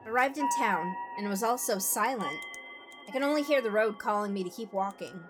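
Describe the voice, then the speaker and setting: A woman with a medium-pitched, expressive voice talks briskly as she plays through a game, reading the on-screen text aloud over background music. She's a game streamer whose casual commentary is sardonic and full of wisecracks.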